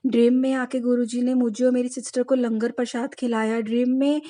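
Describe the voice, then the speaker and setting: A young woman tells her devotional story to the congregation in a high, mellow voice. Her pitch stays fairly even, never rising or falling much. She speaks earnestly and keeps turning to address her listeners directly. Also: fairly quick. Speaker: devotee sharing a testimony. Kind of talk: personal devotional testimony.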